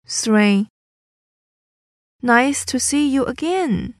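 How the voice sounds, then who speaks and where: A woman's voice: high voice, expressive, very slow, no room sound, clean studio sound. A woman reading English listening-test items carefully, repeating each sentence. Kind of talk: slow, clearly enunciated test reading.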